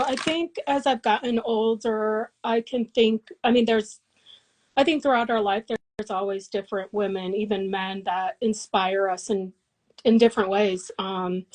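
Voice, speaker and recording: A woman's voice: medium pitch, a little mellow, a little hiss or hum, poor audio. A woman in her forties from Colorado, a massage therapist and business owner, talking in a casual interview in an earnest, reflective way with many fillers and restarts. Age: 40s.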